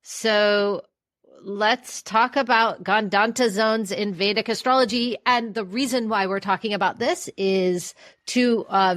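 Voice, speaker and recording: A woman's voice: mid-range voice, a bit bright, no echo, clean studio sound. A woman co-hosting a casual podcast, talking in a playful, upbeat way while a little congested. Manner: playful, upbeat intro delivery. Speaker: podcast co-host.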